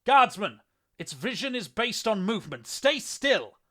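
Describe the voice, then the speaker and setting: A man voicing a stern armored super-soldier who shouts warnings with authority. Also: high-pitched, big pitch swings, a little slow, pitched above the performer's own voice, exaggerated voice. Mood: commanding.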